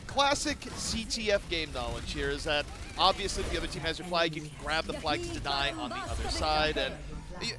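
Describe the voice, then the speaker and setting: A man's voice: a little high, very animated, fairly quick. A man giving esports color commentary, explaining the game and breaking into laughs.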